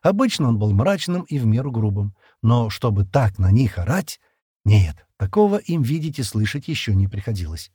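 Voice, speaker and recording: Husky-voiced man narrating sci-fi. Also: medium pitch, big pitch swings, normal speed, dark tone, no echo, clean studio sound. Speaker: audiobook narrator.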